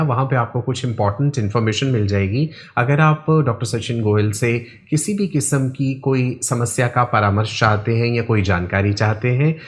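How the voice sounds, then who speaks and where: A man hosting an interview, politely asking questions and giving frequent short affirmations. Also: medium pitch. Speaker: interview host. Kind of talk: hosted interview.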